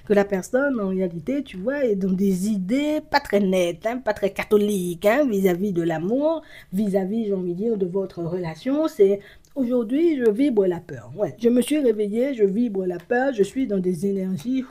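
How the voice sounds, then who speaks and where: A woman giving a casual card reading to her viewers, animated and full of fillers, sometimes dropping into a whisper. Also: medium pitch. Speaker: card reader. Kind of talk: casual tarot-style reading to camera.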